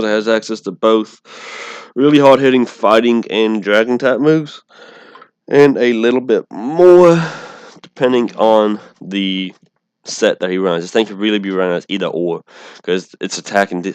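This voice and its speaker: A low, smooth male voice in a dry, close-sounding space, talking through game strategy off the cuff. He has a speech impediment, saying w for r, and he rambles with frequent false starts and self-corrections. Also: no room sound. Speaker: online gamer presenting an opposing team. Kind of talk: casual unscripted game strategy commentary.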